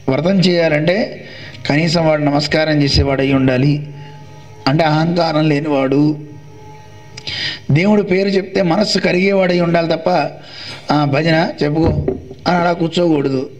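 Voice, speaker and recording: A man's voice: fairly high pitch, steady tone, moderate pace, long pauses, faint music behind. A man teaching a devotional discourse, asking questions and answering them himself, at times chanting divine names aloud. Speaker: religious teacher. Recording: dull lo-fi recording.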